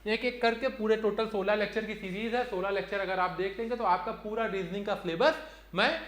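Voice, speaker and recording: High-voiced man teaching in an echoey room. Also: a little fast, fairly bright tone. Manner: explains step by step, counting aloud, fillers like "theek hai". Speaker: reasoning teacher. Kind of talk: online exam-prep lecture.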